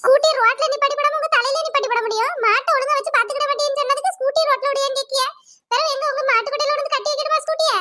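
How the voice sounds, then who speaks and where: A woman voicing an angry young village woman, accusing and shrill. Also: steady tone, rapid-fire, bright, forceful tone, no room sound. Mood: sarcastic. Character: indignant young village woman, angry over her new scooter.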